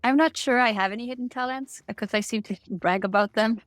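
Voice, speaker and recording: A woman's voice: fairly high pitch, brisk, no echo, faint music behind. A middle-aged woman from Norway with a Norwegian accent, answering interview questions in a candid, upbeat way over a remote call. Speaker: guest.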